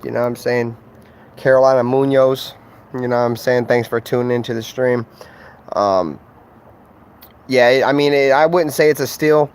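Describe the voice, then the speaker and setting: A man talking sports on his own livestream at a middle pitch, trash-talking in a loose, profane, slang-filled way. He rambles and keeps circling back with fillers. The delivery is casual and unscripted. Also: fairly even intonation, normal speed, pauses often, clean tone.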